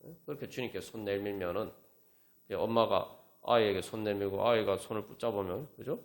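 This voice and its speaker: A man's voice: fairly low pitch, fairly quick. A man preaching as pastor at a Friday prayer meeting, talking conversationally and prodding his listeners with rhetorical questions. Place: church sanctuary. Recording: echoey church room with faint instrument music.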